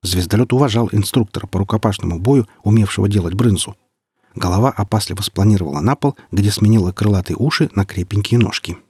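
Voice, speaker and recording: A man narrating a humorous audiobook in a deadpan, mock-serious manner. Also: lowish voice, fast talker, slightly rough, dry recording.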